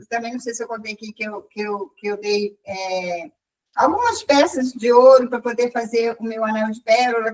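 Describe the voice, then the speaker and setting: A woman telling a personal story in a casual, animated way and acting out the lines of the people in it. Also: sits high, recorded from a distance, low-quality recording. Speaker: group member sharing a story. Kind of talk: casual spoken testimony.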